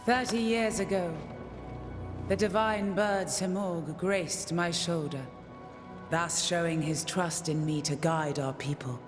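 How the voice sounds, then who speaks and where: A woman's voice: lowish voice, fairly even intonation, slow pace, over music. A woman playing a regal, solemn queen of Persia in a video game, speaking in a stately, ceremonial manner. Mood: solemn, commanding. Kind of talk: dramatic video game acting.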